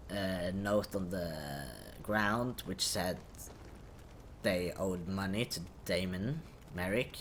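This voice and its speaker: A man's voice: fairly low pitch, a little hiss or hum. A man giving casual video game commentary, hesitantly thinking aloud as he goes. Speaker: gaming commentator.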